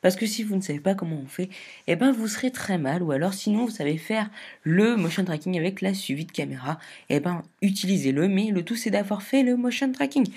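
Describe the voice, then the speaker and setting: A woman talking through a software tutorial in a casual, chatty way, explaining step by step and often hesitating. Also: medium pitch, lively intonation, fairly quick, slightly rough. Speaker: video tutorial maker.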